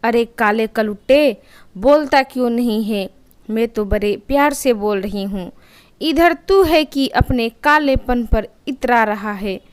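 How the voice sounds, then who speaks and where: A woman's voice: on the high side, takes it slowly, smooth, dry recording. A woman doing a sly coaxing cartoon cat. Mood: scolding. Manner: coaxing then scolding. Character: sly sweet-talking female cat.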